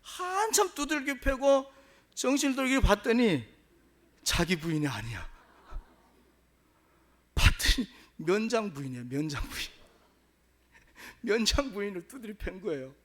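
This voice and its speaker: A male pastor preaching a story-driven sermon in a church. His voice sits high and rises and falls with great animation, dramatizing every turn. He addresses the congregation directly. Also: very animated, a little slow, pauses often, fairly bright tone. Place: church sanctuary.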